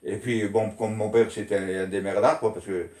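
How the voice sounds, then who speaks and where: A man's voice: on the low side, fairly even intonation, moderate pace, darkish tone. An older man casually recounting childhood memories, rambling and laughing often as he goes. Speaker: storyteller recalling childhood. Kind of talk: casual reminiscing. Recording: echoey room.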